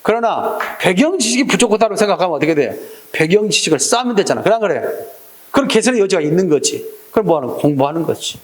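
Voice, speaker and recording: Male exam-prep lecturer, high voice that swings around a lot, conversational and questioning. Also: very animated, quick pace, roomy sound. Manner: questioning, acts out little scenes with quoted voices. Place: lecture room.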